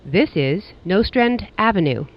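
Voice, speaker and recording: Slightly dull, lo-fi audio carries a subway announcer making formal transit announcements from a script in clipped stock phrases. He talks slowly, with pitch that rises and falls in lively swings.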